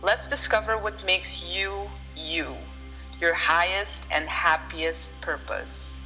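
A woman's voice: lowish voice, slow, bright, forceful tone, faint music behind, poor audio. A woman playing a playful explorer guide, giving encouraging instructions in scripted narration. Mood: earnest, encouraging. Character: playful explorer guide setting a self-discovery task.

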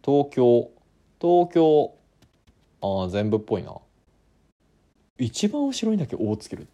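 A man's voice: fairly low pitch, wildly swooping pitch, normal speed, dark tone. A man hosting a casual solo podcast, musing aloud as he tries out different regional word accents. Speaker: podcast host.

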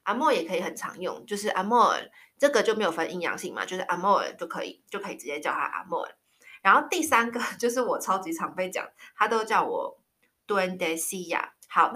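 A woman's voice: mid-range voice, sharp tone. A woman in her thirties teaching Spanish words in a casual, chatty way, spelling them out letter by letter. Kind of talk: casual language lesson.

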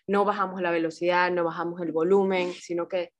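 A woman's voice: on the low side, level tone, brisk. A woman co-hosting a casual talk show, speaking in a reflective, conversational way and adding her own examples.

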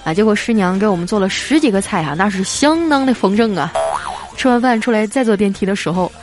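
A woman hosting a radio-style show, reading listener jokes aloud with playful storytelling and drawn-out particles. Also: mid-range voice, lively intonation, over music.

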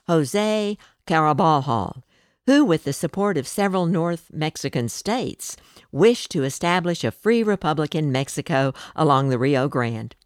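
A woman narrating a scripted history piece in a measured, deliberate reading. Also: sits low, darkish tone, no room sound, studio quality.

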